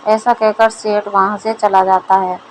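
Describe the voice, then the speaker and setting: A woman narrating a moral storybook in an even, steady reading style. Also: medium pitch, a little slow, slight background noise, rough recording.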